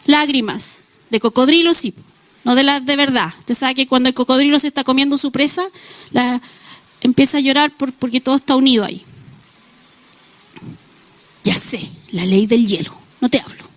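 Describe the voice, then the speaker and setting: A woman's voice: high voice, normal speed, long pauses, fairly bright tone, no echo. A woman pastor preaching a sermon, illustrating points with everyday examples and acted-out quotes.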